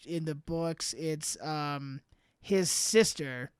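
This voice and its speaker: High-voiced, laughing comedy co-host man. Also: extremely slow, clear, resonant tone, no echo, studio quality. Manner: laughs often, profane and jokey. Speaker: podcast co-host. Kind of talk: casual comedy banter.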